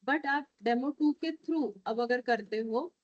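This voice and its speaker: This is lo-fi audio with no room sound: a woman speaking slowly in a high register while she codes live for her programming students. Her accent is Indian, and she mixes Hindi with English, coaxing them and asking often whether they follow.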